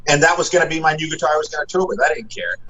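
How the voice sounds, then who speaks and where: A man's voice: fairly high pitch, rapid-fire, highs cut off. A middle-aged man, a guest guitarist, telling stories in a casual chat and acting out the quoted lines, with many fillers. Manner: animated, acts out quotes, frequent fillers.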